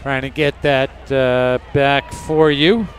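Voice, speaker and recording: A man giving live commentary on a high school football game in an easygoing, laid-back way. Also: steady tone, takes it slowly. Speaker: color commentator.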